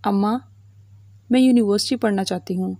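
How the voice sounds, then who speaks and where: A woman's voice: mid-range voice, mellow, no echo, close to an everyday voice. A woman voicing a young, stubborn daughter who pleads tearfully. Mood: flat.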